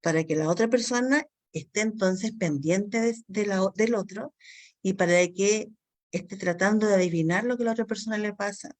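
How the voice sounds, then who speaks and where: A woman's voice: mid-range voice, normal speed, darkish tone. A woman from Chile with a Chilean accent, teaching a Bible counseling class in an earnest, apologetic way and acting out everyday dialogue as examples. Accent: Chilean Spanish. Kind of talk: online course lesson.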